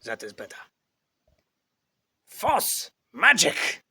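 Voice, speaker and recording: Very raspy grumpy puppet heckler. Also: male voice, high voice, huge pitch swings, drawn-out words, pushed and bright, exaggerated voice. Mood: grumpy, dismissive. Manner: curt, dismissive outbursts. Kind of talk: puppet talent show.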